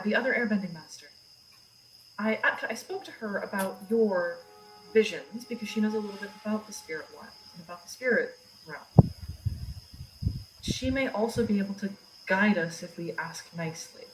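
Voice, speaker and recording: A woman's voice: mid-range voice, moderate pace, background noise. A woman playing a tabletop game casually, with a wry, teasing manner. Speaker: player.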